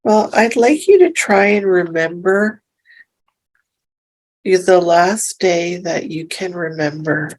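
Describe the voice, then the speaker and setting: A woman leading a hypnosis session, speaking softly and reassuringly as she gently asks questions. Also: fairly low pitch, rough recording. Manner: soft, slow and soothing, reassuring. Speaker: hypnosis practitioner.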